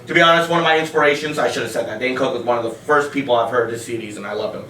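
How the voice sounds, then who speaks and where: A man's voice: medium pitch, rapid-fire, sharp tone. A man, a stand-up comic, telling rambling, profane stories on a casual podcast and often breaking into laughs. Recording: roomy sound from a distance.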